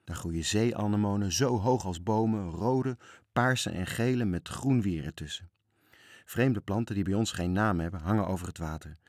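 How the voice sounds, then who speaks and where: A man reading a children's story aloud in a calm, even storytelling manner. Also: on the low side, moderate pace, dry recording, clean studio sound.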